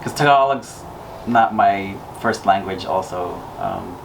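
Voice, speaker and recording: A man whose first language is Cebuano co-hosts a casual travel podcast chat, his low, slow voice carrying vocal fry. He sits far from the mic, and acoustic guitar music plays in the background along with other noise.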